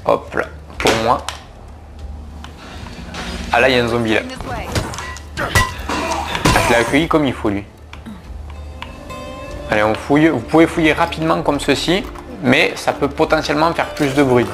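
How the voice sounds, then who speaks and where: Over music, a man with a gravelly, medium-pitched voice talks unhurriedly through his gameplay, leaving long pauses. It's casual let's-play chatter aimed at his viewers, full of fillers and restarts, from a gaming YouTuber.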